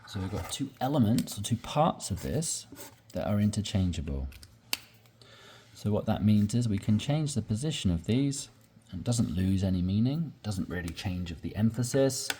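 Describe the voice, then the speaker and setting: A man teaching English, slowly explaining sentence patterns and repeating examples with patience. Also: lowish voice, lively intonation, mellow, slight background noise. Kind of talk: slow explanatory lesson.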